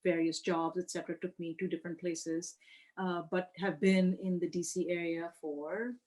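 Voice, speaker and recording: A woman professor from Karachi recounts her experiences in a relaxed chat. Her voice sits a little low, and she speaks softly and thoughtfully, often trailing off with fillers. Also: moderate pace. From Pakistan, Karachi. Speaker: political science professor. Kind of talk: casual conversational storytelling.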